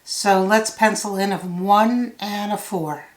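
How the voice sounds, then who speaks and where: A woman tutor thinks out loud as she works through a solve-along lesson. Her delivery is slow and methodical, with a medium-pitched voice. The recording has a noticeably roomy echo. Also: fairly even intonation. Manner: thinking out loud step by step, measured. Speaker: puzzle tutor. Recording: roomy, echoey sound.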